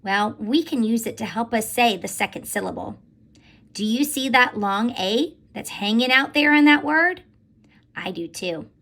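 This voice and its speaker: A woman teaching a recorded phonics lesson to young children in an animated, sing-song teacher voice. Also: a little high, a little slow, creaky. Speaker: elementary school teacher.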